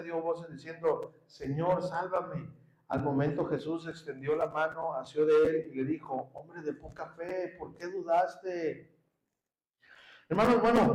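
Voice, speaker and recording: A man's voice: on the high side, darkish tone, roomy sound, low-quality recording. A man with a Mexican Spanish accent preaching a sermon, earnestly addressing his congregation as brothers and rising into emphatic peaks. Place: church hall.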